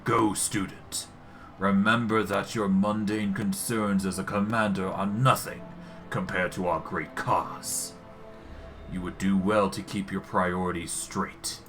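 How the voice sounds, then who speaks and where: A man's voice: sits low, steady tone, measured pace, fairly bright tone, soft background music. A man voicing an ancient undead lich mentor, grandiose and commanding, in a fantasy game role-play. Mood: commanding, smug.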